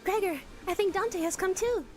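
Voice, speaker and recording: A woman's voice: very high voice, normal speed, voice pushed up. Woman voicing a cute rabbit-eared young girl. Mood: concerned. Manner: soft, reassuring and polite. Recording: game music underneath.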